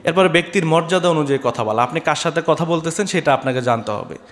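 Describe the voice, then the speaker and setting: A man's voice: on the high side, animated, fast, big-room sound. A man preaching a sermon on a microphone, exhorting his listeners and asking them rhetorical questions.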